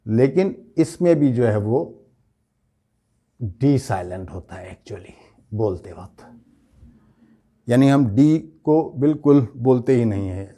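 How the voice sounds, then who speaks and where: Male English tutor, unhurried drilling delivery, relaxed dark tone. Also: mid-range voice. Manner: slow, explanatory, repeats words to drill pronunciation. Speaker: English teacher. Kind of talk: spoken grammar lesson.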